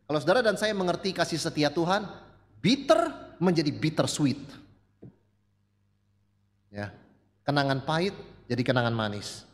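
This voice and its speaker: A male pastor preaching a sermon, telling stories and shifting between loud, high emphasis and soft, low asides as he addresses the congregation. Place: church sanctuary. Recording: long church reverb.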